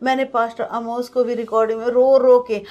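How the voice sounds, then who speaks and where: A woman's voice: fairly high pitch, flat delivery, a little fast, a little mellow, dull audio. Earnest woman telling a vivid testimony. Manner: earnest, vivid storytelling mixing in English words. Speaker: guest sharing a testimony. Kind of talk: emotional personal testimony to a pastor.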